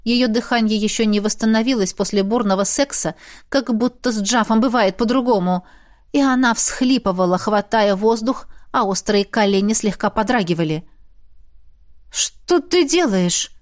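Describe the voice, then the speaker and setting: A woman narrating a fantasy romance audiobook in a steady, expressive reading voice. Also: mid-range voice, moderate pace. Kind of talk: scripted narration.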